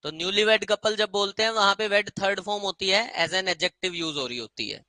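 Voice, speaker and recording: A man teaching English grammar in a lively classroom lecture, repeating words as drills and slowing right down on English phrases. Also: sits high, dry recording, poor audio.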